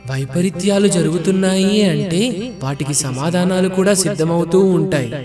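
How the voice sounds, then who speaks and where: A serene god counsels his troubled devotee in measured, consoling words, voiced by a man. Loud sitar music swells around the voice. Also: a little high, natural voice. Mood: calm. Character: Lord Rama, calm wise male god. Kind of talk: cartoon comedy voice acting.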